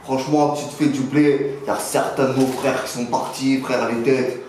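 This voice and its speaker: A man's voice: mid-range voice, fairly even intonation, normal speed, darkish tone, close to an everyday voice. Casting: male performer as cocky young street dealer, mock interview, loose French street slang, heavy room echo. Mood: boastful, streetwise. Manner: slangy, rambling, punctuated with filler address words. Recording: very echoey room, faint noise.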